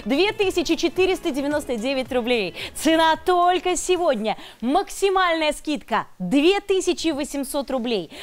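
A woman hosting a home shopping show with an urgent, gushing, emphatic hard-sell delivery. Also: on the high side. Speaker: TV shopping channel host. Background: background music.

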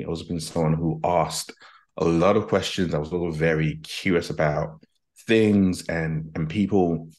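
A man's voice: sits low, a little mellow. A man from Nigeria who grew up in Britain, a guest executive coach earnestly telling his story over a video call on a headset. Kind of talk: reflective storytelling. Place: home office, video call.

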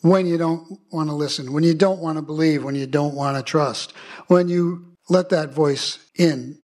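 A man's voice: a little high, fairly even intonation, normal speed, darkish tone. An older man, a pastor, preaching a sermon in an earnest way and reading scripture aloud.

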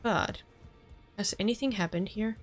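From her home room, a young woman with a Finnish accent wraps up a let's play session, chatting earnestly about the game with a few small restarts. Her mid-range voice is a little slow, and faint music plays behind her.

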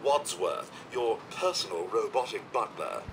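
A man's voice: medium pitch, very animated, measured pace, slight background noise. A man voicing a polite male robot butler in a game, prim and formal. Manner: prim, formal, bright and singsong.

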